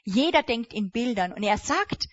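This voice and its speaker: A woman preaching a sermon with emphatic, animated delivery. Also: fairly high pitch, moderate pace, lo-fi sound. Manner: animated, emphatic, acts out quoted speech.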